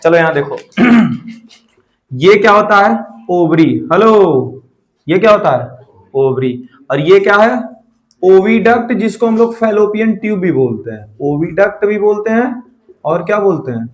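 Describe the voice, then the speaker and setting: Guy teaching biology, bit high voice, keeps asking questions then answering them himself. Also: sing-song, a little slow. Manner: mixes English terms into Hindi; frequent "theek hai" check-ins. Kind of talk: classroom biology lesson.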